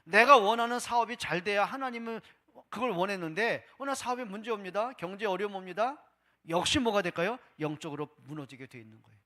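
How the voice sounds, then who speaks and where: A male pastor preaching a Sunday sermon, asking rhetorical questions and voicing people's doubts, swinging between loud and hushed. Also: high voice, animated, a little fast. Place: church service.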